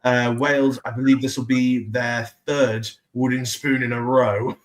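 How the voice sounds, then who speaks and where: A man in his twenties co-hosting a casual sports podcast, chatty with quick asides. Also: mid-range voice, flat delivery. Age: 20s. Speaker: podcast co-host.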